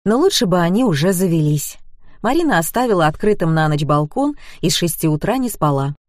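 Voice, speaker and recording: A woman narrating an audiobook in a lively storytelling way, close to the mic. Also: on the low side, fairly quick, no room sound. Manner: lively storytelling with many character voices.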